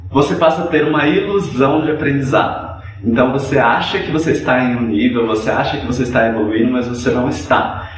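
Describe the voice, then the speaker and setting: A man's voice: mid-range voice, fast, soft background music. A man teaching English in an explanatory video lesson, direct and driving points home by repeating examples. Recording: echoey room, voice from a distance.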